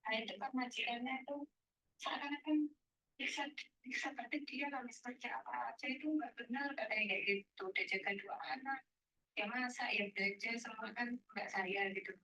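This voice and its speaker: A woman's voice: a little high, steady tone, brisk, pushed and bright, dry recording, poor audio. A woman calling in from abroad, earnestly recounting a complaint and repeating what others said in short quoted bursts. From Indonesia. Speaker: caller. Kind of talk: phone call telling a complaint.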